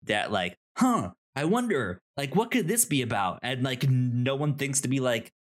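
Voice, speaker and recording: Medium-pitched and moderately paced, a man reviews a TV show on his podcast in unscripted, casual talk. He stumbles over repeated words and syllables and brings imagined dialogue to life with animation.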